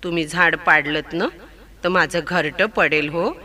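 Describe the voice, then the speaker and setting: A man voicing a small, gentle mother sparrow in a children's story, speaking softly and pleading. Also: on the high side, steady tone, a little slow, voice pushed down. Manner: soft, pleading. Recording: story recording over background music. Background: background music.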